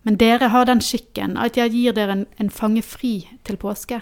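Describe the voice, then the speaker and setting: A man voicing an anxious, imperious Roman governor in a dramatic scripture reading, with a raised, sharp, questioning manner. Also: very high voice, steady tone, clear, resonant tone, pitched above the performer's own voice. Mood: tense.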